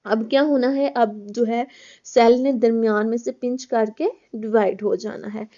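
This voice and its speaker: A woman teaches a college biology class, going step by step, repeating herself and addressing the students as children. Her voice is fairly high yet mellow and dark in tone. The recording is dull and lo-fi. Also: steady tone, moderate pace.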